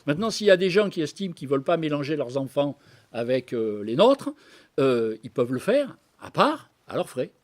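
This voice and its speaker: Higher-pitched man giving a chatty lecture. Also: big pitch swings, normal speed. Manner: conversational lecturer with frequent asides and hesitations; reads historical documents aloud. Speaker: guest speaker at a political debate. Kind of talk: public talk to a live audience.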